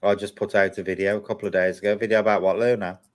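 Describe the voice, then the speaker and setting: Hosting a laid-back paranormal live chat, this fairly deep-voiced man races through his personal anecdotes. His delivery is flat, blunt and repetitive, pitched at regular followers.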